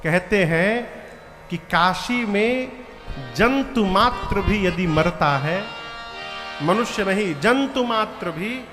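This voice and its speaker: High-voiced preacher, echoey hall. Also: male voice, expressive, slow. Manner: chants verses and speaks directly to the audience. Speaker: katha preacher. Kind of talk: devotional storytelling sermon. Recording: echoey hall with live flute music.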